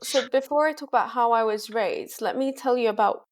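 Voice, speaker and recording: A woman's voice: on the high side, brisk. A young woman from Tanzania, a guest in an interview, speaking in a casual conversational way with lots of "like" and "kind of". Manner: conversational, frequent fillers like "like" and "kind of". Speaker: guest, women's rights advocate.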